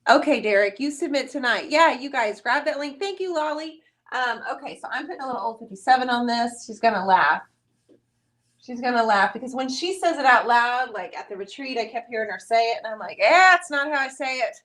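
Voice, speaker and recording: A woman's voice: on the high side, brisk, fairly bright tone. Chatty woman hosting a painting live stream. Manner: chatty, teasing, greets viewers by name. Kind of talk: casual live-stream chat while painting.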